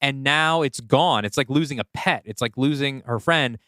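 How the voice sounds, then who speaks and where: This podcast co-host and writer has a medium-pitched, bright, forceful voice and talks at a moderate pace. He chats casually and brainstorms story ideas out loud, saying "like" a lot. The recording is dry, with clean studio sound.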